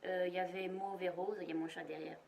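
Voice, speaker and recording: A woman's voice: fairly low pitch, little pitch movement, fast, creaky, a little mellow, a little hiss or hum. A woman showing her shopping finds in a casual, rambling home video, full of hesitations. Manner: chatty, rambling, many hesitations. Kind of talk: casual product show-and-tell. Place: at home, indoors.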